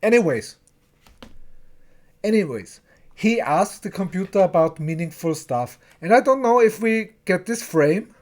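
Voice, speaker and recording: Slow-talking reviewer, English speaker. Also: mid-range voice, expressive, a little mellow. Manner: chatty, stumbling, repeats words, acts out characters' lines. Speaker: TV episode reviewer. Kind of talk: casual recap and review of a TV episode.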